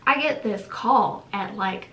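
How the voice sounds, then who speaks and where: A young woman co-hosting a channel, telling a story in a casual, animated way, acting out quotes and laughing often. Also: medium pitch, takes it slowly. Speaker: channel co-host. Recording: echoey room.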